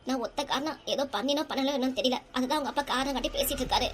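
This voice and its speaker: Lady voicing a put-upon cartoon mom, complains fast, high-pitched. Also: slight background noise, natural voice. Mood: aggrieved. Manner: pleading, complaining. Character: tearful put-upon wife and mother. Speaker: voice actor. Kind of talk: cartoon comedy voice acting.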